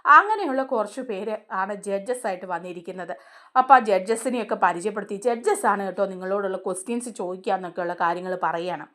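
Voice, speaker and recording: A woman's voice: mid-range voice, quick pace, sharp tone. A woman hosting a serial review, casually retelling the scenes in a chatty way and often turning to the listener. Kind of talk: casual storytelling recap of a TV serial.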